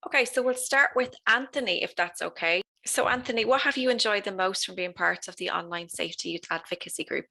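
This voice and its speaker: Casting: female Irish interviewer, crisp bright tone, gravelly creak, mid pitch. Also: fairly quick, few pauses. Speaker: interviewer, youth officer. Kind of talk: structured interview questions.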